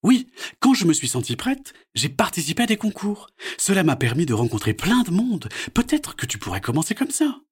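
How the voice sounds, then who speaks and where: A man's voice: high voice, sing-song, brisk, breathy edge, voice pushed up, full character voice. A man voicing a friendly, confident young woman dancer who talks cheerfully and encouragingly, in a storybook read-aloud.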